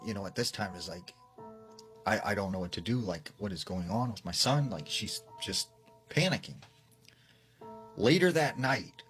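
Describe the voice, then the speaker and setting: Brief: low-voiced male storyteller, casual and chatty, faint background music. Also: a bit bright. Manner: casual, filler-heavy retelling. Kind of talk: casual scary story narration.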